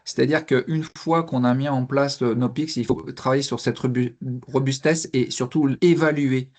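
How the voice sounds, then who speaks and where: A fire service officer and trainer speaks spontaneously as a panelist in a professional discussion, his delivery hesitant and halting, often repeating words as he explains. His voice is mid-range and darkish, with a steady tone.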